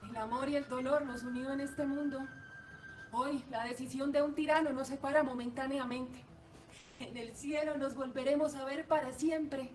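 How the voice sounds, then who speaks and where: A woman's voice: high-pitched, steady tone, moderate pace, darkish tone, far from the mic, natural voice. A woman playing a young patriot heroine who faces execution, speaking in a declamatory stage manner. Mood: tender farewell. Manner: declamatory, defiant.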